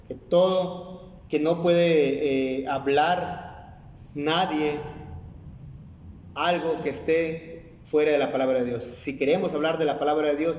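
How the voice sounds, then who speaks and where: A man's voice: a little high, darkish tone, a little hiss or hum. A man with a Mexican Spanish accent preaching a sermon in a church hall, earnest, repeating phrases and using many "eh" fillers. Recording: echoey church hall with long reverb.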